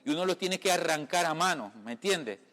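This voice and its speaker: Expressive and a little fast, his voice runs high, pushed and bright as this Caribbean lay preacher gives an informal, conversational sermon. He often calls listeners brother and checks they follow, while a room lends long reverb.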